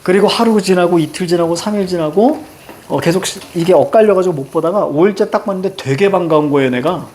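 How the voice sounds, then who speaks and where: A middle-aged man teaching a class, telling a personal story in a lively, casual way and mixing informal and polite speech. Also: sits high, fast talker, slight background noise. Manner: animated, switching between casual banmal and polite endings.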